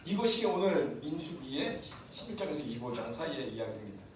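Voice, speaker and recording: A man's voice: fairly high pitch, brisk, slight background noise. A man preaching a sermon as pastor, often asking the congregation questions and answering them himself. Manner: asks the congregation questions, lively and animated. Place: church sanctuary. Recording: echoey room, mic from a distance.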